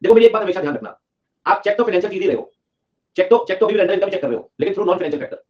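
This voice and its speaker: A young man from Delhi teaching accounting in a lively lecture, acting out an auditor and a client in playful voices. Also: high-pitched, racing. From Delhi, India. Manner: animated, acts out auditor and client in funny voices. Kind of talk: lively classroom lecture with acted skits. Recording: dull lo-fi recording.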